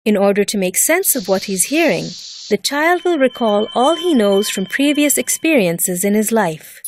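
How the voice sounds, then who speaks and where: Speaking at a medium pitch, a woman narrates a scripted lesson the way a teacher would, walking through each step with deliberate, measured and expressive delivery.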